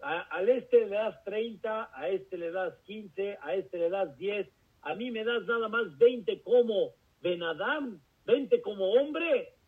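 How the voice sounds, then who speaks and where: A man's voice: sits high, animated, takes it slowly, slightly rough, exaggerated voice. A man with a Mexican accent voicing a man in a parable who haggles with God in slangy speech. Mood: complaining. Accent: Mexican Spanish. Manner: slangy, complaining. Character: grown man bargaining with God, boastful then dismayed. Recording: tinny phone-like recording.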